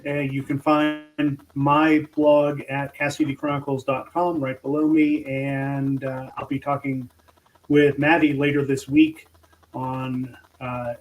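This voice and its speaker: A man's voice: mid-range voice, highs cut off. Guy author chatting casually, bit far from the mic with faint noise behind. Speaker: author and editor on panel. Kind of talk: casual self-introduction.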